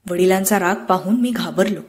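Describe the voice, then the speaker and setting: A woman narrating an audiobook with measured, expressive storytelling. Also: mid-range voice. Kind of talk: scripted narration of a classic novel.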